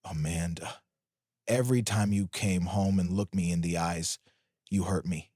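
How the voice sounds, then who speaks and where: A man voicing a betrayed husband who speaks quietly, coldly and bitterly, in a storybook reading. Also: sits low, steady tone, a little slow, no room sound, studio quality. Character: betrayed husband, cold and firm.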